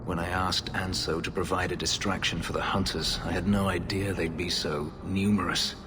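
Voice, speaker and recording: Lightly acted at a moderate pace, a low male voice with little pitch movement plays a brooding elf warrior and former slave. He speaks in a grave, formal, terse way over a noisy background and game score.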